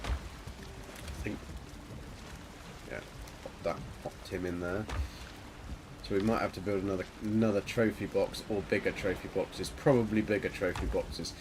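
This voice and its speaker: In a deep, soft voice with fairly even intonation, a game streamer talks a little slowly and leaves long pauses. He chats casually with viewers and mutters to himself over a noisy background.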